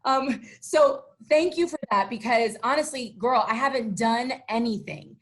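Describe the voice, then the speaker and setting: A woman radio host chatting casually and warmly in an interview, full of fillers and enthusiasm. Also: on the high side, moderate pace.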